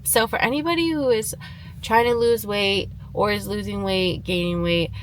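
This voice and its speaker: A woman's voice: mid-range voice, normal speed, slight background noise, poor audio. A young woman talking casually to her viewers as a running vlogger. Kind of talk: casual vlog talk.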